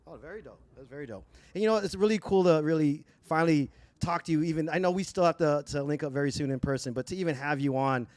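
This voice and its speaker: A man's voice: fairly high pitch, quick pace, few pauses, darkish tone, no room sound. A man hosting a casual livestream interview as a DJ, hyped and full of praise. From United States. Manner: hyped, repeats praise like "very dope". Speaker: livestream DJ host.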